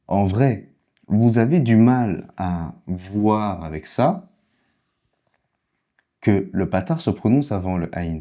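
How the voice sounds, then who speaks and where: In a casual online lesson, a man teaches how to read Biblical Hebrew in a low-pitched, warm voice. He's patient and keeps checking in with "ok?".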